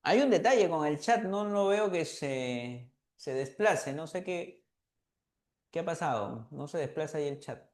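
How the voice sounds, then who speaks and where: Slow-talking male teacher in an echoey room. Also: on the high side, animated. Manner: asks students questions, fills with "eh" and "¿ya?". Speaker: language teacher. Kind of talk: online review class lecture.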